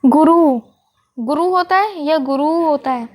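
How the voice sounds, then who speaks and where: A woman with a high voice teaches children through a worksheet. She is patient, asks questions and answers them herself, and draws out each sample word with care. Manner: drawn-out, careful pronunciation of sample words. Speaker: school teacher. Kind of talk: online worksheet lesson for children.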